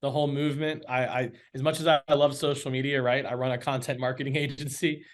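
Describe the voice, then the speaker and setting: In a casual podcast interview held over video call, the guest is a man who runs an agency. He has a mid-range voice and sounds earnest and energetic, quick to break into laughter.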